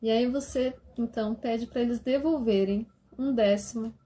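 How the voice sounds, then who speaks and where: A woman gently explaining church lessons for parents to teach their children, often checking in with a soft "né?". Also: on the high side, moderate pace. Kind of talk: casual instructional talk.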